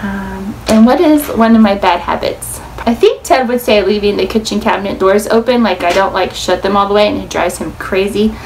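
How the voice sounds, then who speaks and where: A woman in her twenties from Indiana, United States, chats casually to camera as a vlogger, saying "like" a lot. Her mid-range voice is a little mellow, moves at normal speed with hardly any pauses, and the poor-quality audio, recorded in a small indoor room against a plain wall, carries clearly audible room noise.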